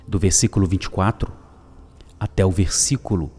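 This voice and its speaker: A man giving a daily devotional sermon, emphatic and swinging from loud calls to soft whispers. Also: deep voice, moderate pace, slightly rough, faint music behind. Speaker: preacher.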